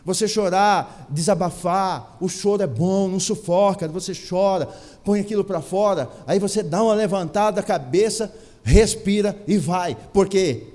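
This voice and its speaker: Man, Brazilian Portuguese accent, pastor preaching, high voice, emphatic and repetitive, long church-hall reverb. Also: normal speed, darkish tone. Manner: emphatic preaching, rhetorical questions, repeats phrases. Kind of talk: sermon.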